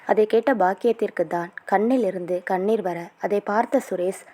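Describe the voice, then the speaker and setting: A woman's voice: medium pitch, normal speed, dark tone. A woman narrating a romance novel as a story, reading all the characters' lines in her own voice with small shifts.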